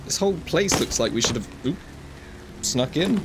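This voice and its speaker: With a slightly high voice and lively intonation, a young man comments at a moderate pace over loud music in a low-quality recording. He's hosting a casual VR let's-play, chatty and joking, tossing wry asides to the viewer.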